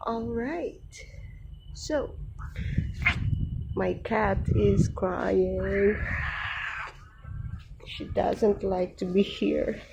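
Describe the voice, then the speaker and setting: A woman's voice: mid-range voice, very slow, vocal fry, pauses often, background noise. A young adult woman with a Filipino accent, vlogging casually outdoors in a garden and talking fondly to her cat, recorded on a handheld phone. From Philippines. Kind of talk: casual vlog narration.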